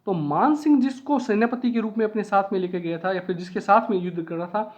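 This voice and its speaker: A man's voice: high-pitched, fast. A man teaching an online exam-prep lesson who repeats key facts and asks and answers his own questions.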